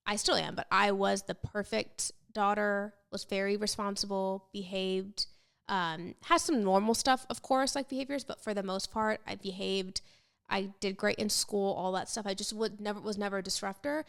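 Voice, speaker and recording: A young woman hosting a podcast, giving candid, rambling advice in a casual, conversational way with vocal fry. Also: medium pitch, fairly even intonation, normal speed, a bit bright. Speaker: podcast host. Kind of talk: casual advice chat answering listener questions. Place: apartment set up as podcast studio.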